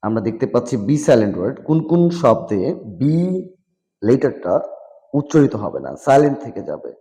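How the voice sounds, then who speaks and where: A man teaching English vocabulary in a slow classroom style, repeating each word and its meaning and slipping into English phrases. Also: medium pitch, mellow. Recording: long hall reverb.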